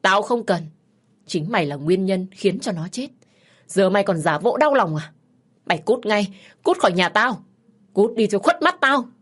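A woman voicing a cruel older mother-in-law who shouts and scolds her daughter-in-law in a story. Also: medium pitch, animated, normal speed, pauses often, breathy edge. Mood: furious.

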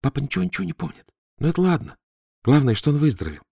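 A woman's voice: sits low, sing-song, rapid-fire, gravelly, warm tone, breathy edge, no room sound, clean studio sound, pitched above the performer's own voice, full character voice. A man voicing a young woman who is a tearful, overjoyed daughter. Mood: whispery. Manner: breathless, tearful.

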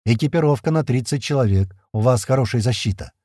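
A man voicing a calm, composed colonel. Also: mid-range voice, dry recording, clean studio sound, lightly acted. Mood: calm, persuasive. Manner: measured, persuasive, level-headed. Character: calm composed male colonel from another world.

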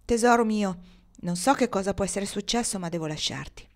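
A woman's voice: medium pitch, a little fast, lightly acted. A woman voicing Hiram, a determined, earnest frontier man in love, in a storybook reading.

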